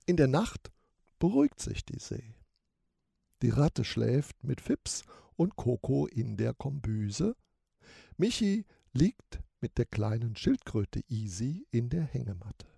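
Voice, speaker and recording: A man narrating a children's story in an expressive storytelling way. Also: medium pitch, vocal fry, breathy edge, dry recording, studio quality.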